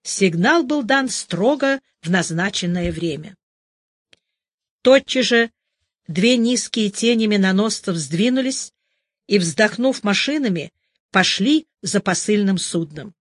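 A narrator reads prose in a measured, even way, as if recording an audiobook. The sound is dry and close, with no room around it, and the pitch sits in a middle register. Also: no room sound. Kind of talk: scripted literary narration.

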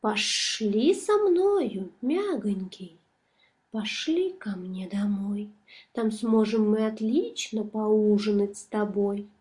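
A woman voicing a sly, hungry snake who talks in a soft, coaxing, hissing whisper. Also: medium pitch, takes it slowly, hardly any pauses, natural voice.

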